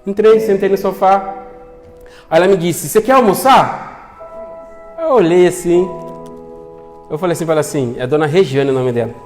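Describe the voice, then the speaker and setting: A young man preaches in a church hall, his voice ringing with long reverb. He tells a story in an earnest way and acts out the voices of the people in it. Soft music plays underneath. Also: on the high side, brisk, pauses often. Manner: storytelling, acting out quoted voices, earnest appeals. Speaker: pastor. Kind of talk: sermon with personal story.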